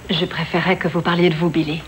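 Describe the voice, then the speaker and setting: An actress playing a composed therapist and radio counsellor, measured and formal in a film drama. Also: female voice, low-pitched, little pitch movement, slight background noise, close to an everyday voice. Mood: composed, professional. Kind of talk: French-dubbed film drama.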